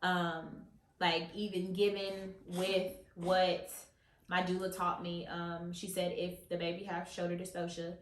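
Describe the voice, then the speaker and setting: Woman, low voice, halting storytelling, roomy sound. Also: level tone. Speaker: mother telling a birth story. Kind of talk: casual storytelling.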